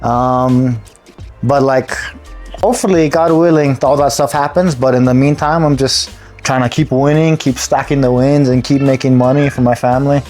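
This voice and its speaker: A man's voice: medium pitch, fairly even intonation, moderate pace, a little mellow, faint music behind. A man in his thirties from Hawaii, a guest in a casual interview, easygoing and filling his talk with "like". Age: 30s. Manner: easygoing, laughs often, says like a lot. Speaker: guest fighter.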